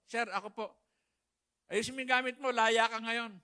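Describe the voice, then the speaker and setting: A man's voice: extremely high pitch, steady tone, moderate pace, bright, forceful tone, clean tone. A man, a pastor, giving an emotional sermon testimony and quoting scripture to the congregation. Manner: emotional, quotes scripture, addresses listeners as brothers and sisters.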